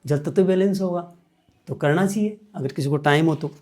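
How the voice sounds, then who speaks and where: A man leads meditation as a guest, his voice a little high and a little mellow at normal speed. Patiently he walks through every step, repeating the key points along the way.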